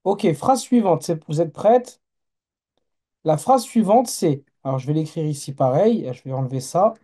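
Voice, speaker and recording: Patient male teacher, dark mellow tone, runs a live online class and checks on learners. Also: on the high side, expressive, normal speed. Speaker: Arabic teacher.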